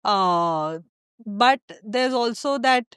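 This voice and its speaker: A woman's voice: fairly high pitch, animated, very slow, fairly bright tone, clean tone, dry recording, clean studio sound. A young woman with an educated, polished Indian accent, talking casually as an interview guest. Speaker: podcast guest.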